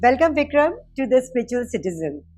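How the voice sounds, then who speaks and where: High-voiced Indian woman hosting an interview. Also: sing-song, a little fast, a little mellow, faint music behind. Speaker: talk show host.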